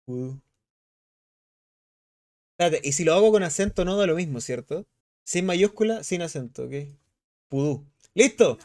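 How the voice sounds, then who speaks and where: Animated Chilean man streaming. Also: fairly high pitch, moderate pace, pauses often. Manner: animated, slangy, reads chat aloud. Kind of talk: casual live-stream chat.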